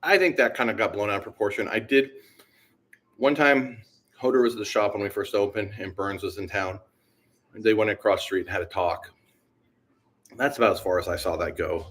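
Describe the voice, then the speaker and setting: A BMX shop owner chats casually with viewers on a livestream while he works, laid-back, rambling and slangy with plenty of fillers. His voice is on the low side and fairly bright, brisk in pace, with long pauses.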